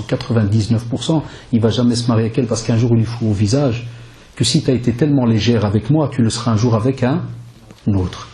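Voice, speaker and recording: A male preacher giving a sermon in a lively, conversational way, full of rhetorical questions and Arabic religious phrases. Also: mid-range voice. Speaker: preacher and lecturer.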